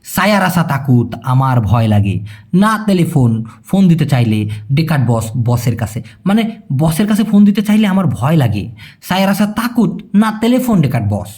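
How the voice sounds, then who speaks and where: A man teaches a casual language lesson. His voice sits high and swings widely in pitch as he explains. He repeats phrases slowly and patiently, checking that his viewers follow. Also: very animated, a little mellow.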